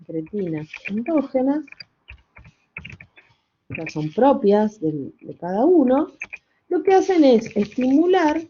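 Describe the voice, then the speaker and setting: An older woman lecturing a class at an unhurried pace, pausing to correct herself and checking in with "¿no?". Her voice is mellow and dark. The recording is dull and lo-fi. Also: high-pitched, very animated, a little hiss or hum. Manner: explains step by step with rhetorical questions and wry asides; self-correcting, checks understanding with "¿sí?" and "¿no?". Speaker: university lecturer.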